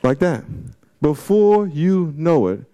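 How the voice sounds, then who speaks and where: A man of forty preaching a sermon, reading scripture and telling stories in a loose, slangy way, swinging from loud peaks to low asides. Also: big pitch swings, slow pace. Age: 40s. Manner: slangy, storytelling. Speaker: pastor.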